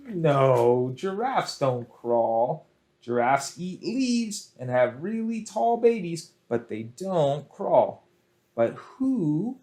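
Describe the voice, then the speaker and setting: With a somewhat high, darkish voice, a male storytime librarian leads children through action songs and picture-book reading. He talks in an exaggerated sing-song manner, cheering his young listeners along.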